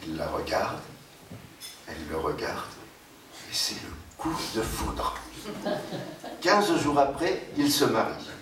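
A man with a Yiddish accent telling jokes in a slow, playful storyteller's way. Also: fairly low pitch, very animated, crowd noise. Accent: Yiddish-accented French. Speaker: joke teller. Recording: noisy echoey archive recording from far off.

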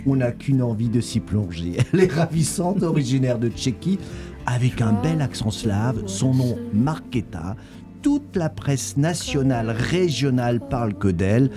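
A man with an Alsatian accent hosting a radio interview in a studio, chatty and effusive, slipping German words into his French. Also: medium pitch. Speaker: radio host.

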